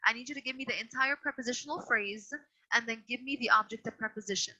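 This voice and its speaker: A woman's voice: on the high side, quick pace, pushed and bright. A woman teacher leading an online grammar lesson, patient but firm as she repeats and corrects her students. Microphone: video call. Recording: dull lo-fi video call audio.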